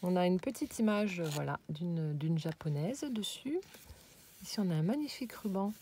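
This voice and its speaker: A woman casually showing a handmade scrapbook album, hesitant and searching for words, and often dropping into soft, admiring whispered asides. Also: lowish voice, animated, moderate pace, slight background noise. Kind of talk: casual show-and-tell.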